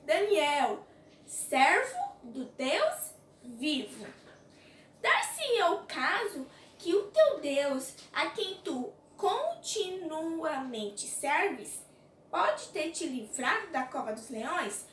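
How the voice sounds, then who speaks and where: A woman voicing King Darius, an anxious ruler, speaking slowly and solemnly in a roomy space heard from a distance. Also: very high voice, lively intonation, pushed and bright, slight background noise, full character voice. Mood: grieving. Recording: roomy echo, distant mic.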